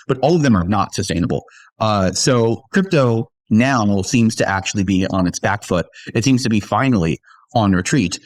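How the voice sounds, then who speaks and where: A man with a lowish voice talks through the year's news on his own show, loose and opinionated, with wry asides and frequent fillers. The sound is dry and close, with no room around it. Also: no room sound. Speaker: show host. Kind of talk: solo year-in-review commentary.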